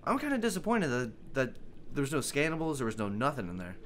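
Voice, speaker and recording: A man's voice: medium pitch, wildly swooping pitch, fast talker, a bit bright, a little hiss or hum. A man giving casual gameplay commentary as host, rambling and joking, swearing often. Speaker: gaming video host.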